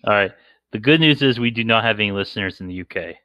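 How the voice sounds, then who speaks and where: A man's voice: lowish voice, quick pace, bright, forceful tone, dry recording, muffled recording. A man hosting a casual podcast chat with friends, steering the talk to new topics. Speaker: podcast host.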